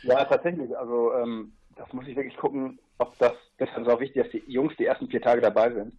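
Fast-talking husky man, lo-fi. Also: medium pitch, steady tone. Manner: rambling, explains with asides and fillers. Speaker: guest, paddler on a long river trip. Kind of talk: casual podcast interview.

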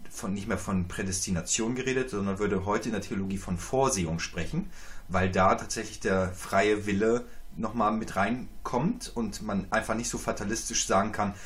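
Lower-voiced man talking church history. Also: fairly bright tone. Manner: reflective, conversational, uses fillers like "halt". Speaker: podcast co-host. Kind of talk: theological discussion.

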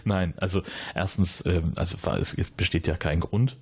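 In an audio drama, a man with a husky voice plays a nervous, evasive base resident, speaking at a moderate pace with no echo. Flustered, he rambles hesitantly with many fillers, and his pitch jumps up when he gets flustered.

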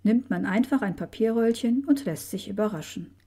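A woman voicing a calm, friendly woman librarian who explains things, read aloud from a storybook. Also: mid-range voice, moderate pace, husky, lightly acted. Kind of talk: storybook reading.

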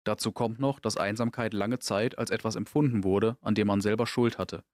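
A man reporting, reading a scripted news piece in a measured, even way. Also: lowish voice, no echo, clean studio sound.

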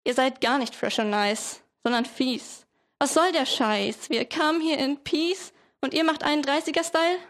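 A woman's voice: sits high, steady tone, moderate pace, fairly bright tone. A teenage woman voicing a young male slang word who talks back in heavy youth slang, indignant. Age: teens.

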